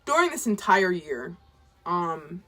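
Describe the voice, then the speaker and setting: A woman's voice: on the low side, very animated, slow, sharp tone, faint music behind. A woman in her twenties, an author rambling casually to camera in a chatty, self-deprecating way. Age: 20s. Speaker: author and vlogger.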